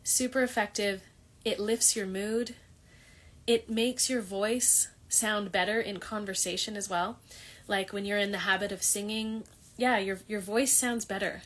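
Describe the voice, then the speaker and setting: Female wellness host, casual rambling delivery, mid pitch, chatty to camera. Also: fairly even intonation, unhurried. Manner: loose, rambling, with many restarts and fillers. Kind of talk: casual monologue on yoga.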